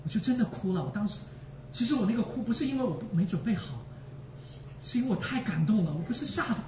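A man preaches an emotional sermon in a high, lively voice at a quick pace, repeating phrases for emphasis and speaking directly to the congregation. The recording is noisy, echoey, distant, and dull.

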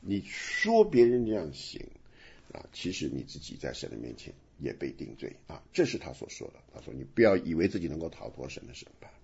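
Male radio Bible teacher, emphatic with rhetorical questions, lively delivery, dull lo-fi sound. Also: low-pitched, breathy edge. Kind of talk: radio Bible study discussion.

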